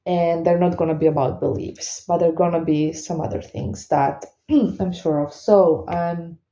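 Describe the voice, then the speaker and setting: A non-native English-speaking woman with a slight lisp from wearing retainers, talking off the cuff and haltingly to her followers, searching for words. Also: fairly low pitch, fairly even intonation, warm tone, lo-fi sound. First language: not English. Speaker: spiritual reader and spellworker hosting a Q and A. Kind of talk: unscripted casual monologue to followers.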